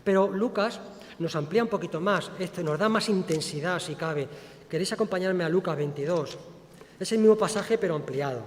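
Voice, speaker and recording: Male preacher, high voice, expressive storytelling sermon, church with long reverb. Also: a little fast. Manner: expressive preaching, acts out quoted speech. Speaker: pastor.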